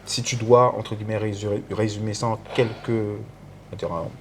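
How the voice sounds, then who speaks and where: A man's voice: lowish voice, flat delivery, normal speed, a little hiss or hum. A man hosting a casual interview, encouraging, often agreeing and echoing his guest's words. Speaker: interview host.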